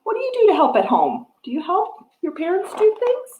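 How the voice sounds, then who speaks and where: A woman in her forties reading a picture book aloud to toddlers in a sing-song way, pausing to ask them simple questions. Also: very high voice, huge pitch swings, a little mellow, a little hiss or hum. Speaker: children's storytime host. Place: wood-floored living room with a piano, indoors. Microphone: webcam or device mic at about arm's length. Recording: echoey room, device microphone.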